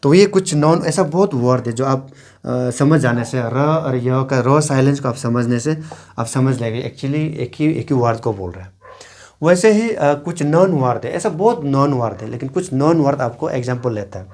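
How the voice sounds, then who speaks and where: A man from Arunachal Pradesh talks through an informal language lesson at a middle pitch. He says each example word two or three times, slowly and deliberately, and keeps pointing at areas as he explains. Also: lively intonation, a little mellow. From Arunachal Pradesh, India. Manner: repeats example words slowly, pointing at regions. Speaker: language teacher.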